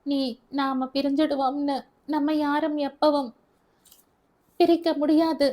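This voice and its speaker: A frightened young bride pleads like a child, her voice lifted high above the narration. A woman reader puts her on for the audiobook. Her sobbing lines run quicker and brighter than the story around them. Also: flat delivery. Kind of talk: audiobook character voice.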